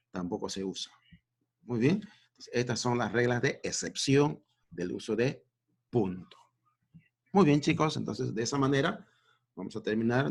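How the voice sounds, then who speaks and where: A man with a Peruvian Spanish accent, teaching a remote school lesson in a patient, explanatory way, often checking in with "¿no?". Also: mid-range voice. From Peru. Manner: explanatory, repeats "¿no?" and "muy bien". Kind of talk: remote class lecture.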